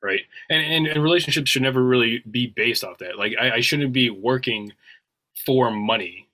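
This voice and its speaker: A man's voice: medium pitch, normal speed, pushed and bright, poor audio. A man co-hosting a podcast, speaking earnestly in casual chat and often checking in with "right?". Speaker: podcast co-host.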